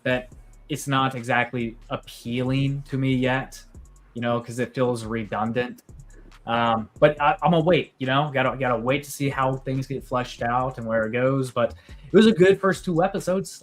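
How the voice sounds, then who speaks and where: A man's voice: mid-range voice, normal speed, faint music behind. A man in casual chat, hesitant and hedging, often restarting his sentences.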